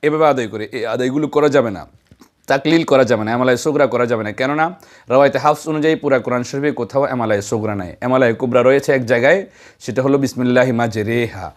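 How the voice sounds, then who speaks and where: A man's voice: medium pitch, fast talker. A man teaching correct pronunciation of Arabic letters for recitation, counting off points one by one and sounding them out as examples. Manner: methodical, counts points and demonstrates sounds aloud. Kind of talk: instructional lesson on letter pronunciation.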